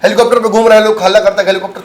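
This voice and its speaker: A man's voice: high voice, flat delivery, racing, reverberant. A man, hosting and giving casual political commentary in an emphatic, argumentative way, slipping in English phrases. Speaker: political commentator and show host.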